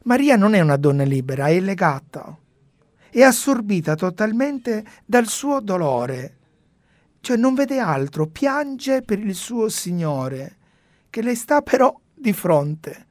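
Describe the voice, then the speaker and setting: Slow, reflective woman giving a radio sermon. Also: medium pitch, very animated, a little mellow, no room sound. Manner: slow, reflective, with pauses and fillers. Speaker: radio Gospel commentator. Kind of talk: spoken sermon commentary.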